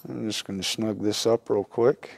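The instructor in this how-to repair video is a middle-aged man whose fairly low, darkish voice carries vocal fry, a steady tone and a moderate pace, with slight background noise. He works at an indoor bench in a small wooden workshop, casually and folksily explaining the repair step by step.

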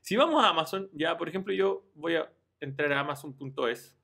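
A Chilean man who runs an online business YouTube channel walks viewers through a screen-share tutorial in a casual, direct way, often checking in with "ya" and restarting his phrases. His voice is fairly high, creaky, bright and forceful, with lively intonation and a brisk pace.

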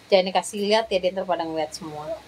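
A young woman, eight months pregnant, chatting casually in a vlog, slangy and quick to exclaim in surprise. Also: fairly low pitch, background noise. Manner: chatty, slangy, with frequent startled religious exclamations. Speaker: vlogger. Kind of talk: casual chat.

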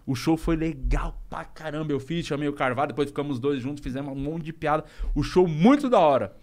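A man tells stories as a podcast guest, talking at a rapid clip in a somewhat high voice. He is a stand-up comedian, slangy and animated, and he swears freely. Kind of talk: casual storytelling on a podcast.

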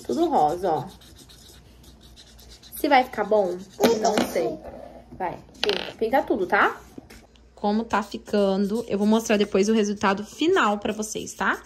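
A woman's voice: medium pitch, a little slow, long pauses, slight background noise. A young woman chatting to viewers while filming her family at home on a phone. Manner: lively, chatty, talks to viewers. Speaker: vlogger mother. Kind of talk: family vlog chat. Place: home indoors. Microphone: phone camera.

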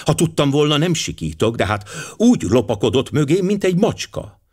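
A man voicing a pert young French lady's maid with a French accent, coy and excitable. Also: on the high side, slightly rough, voice pushed up.

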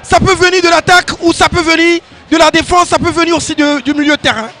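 A man giving excited live football play-by-play commentary, exclamatory and repeating phrases for emphasis. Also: very high voice, fast.

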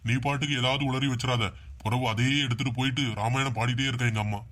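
A man's voice: mid-range voice, steady tone, fast, fairly bright tone, lightly acted. A man voicing an anxious, placating young husband. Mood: pleading. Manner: pleading, placating. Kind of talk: cartoon voice acting.

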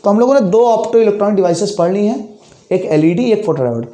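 Fast-talking male physics teacher, high voice. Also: lively intonation, mellow, reverberant. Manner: fast-talking, explains with everyday examples and frequent check-ins. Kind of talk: classroom lecture.

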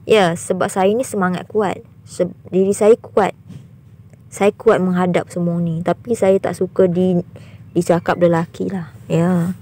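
A young woman with a husky, raspy voice sitting a touch low. She addresses her viewers in a vlog monologue. She sounds firmly indignant and repeats herself for emphasis. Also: little pitch movement, measured pace, mellow. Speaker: YouTuber.

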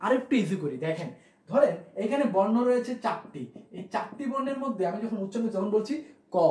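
A man's voice: very high voice, reverberant, rough recording. A man teaching a grammar lesson, who explains step by step, repeats key points and asks his listeners questions. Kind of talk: classroom lesson explaining at a board.

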